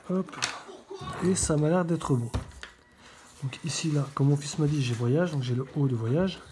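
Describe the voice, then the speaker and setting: A middle-aged woman with a low, mellow voice talks her viewers through a scratch card. She thinks aloud in a relaxed, chatty way, checking letters one by one. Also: a little hiss or hum. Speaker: scratch-card video host. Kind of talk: casual running commentary while scratching.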